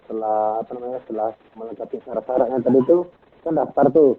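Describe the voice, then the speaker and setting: A man's voice: medium pitch, fast talker, slightly rough. Man on a tinny phone line. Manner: asks short follow-up questions. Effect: heard over a phone or online call. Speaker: interviewer. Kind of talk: casual interview.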